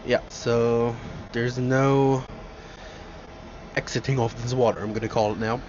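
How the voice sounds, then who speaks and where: Speaking unhurriedly in a steady, mid-range voice, a man gives a casual, meandering first-person review of his flight while seated in the cabin. The audio is muffled, with loud aircraft noise throughout.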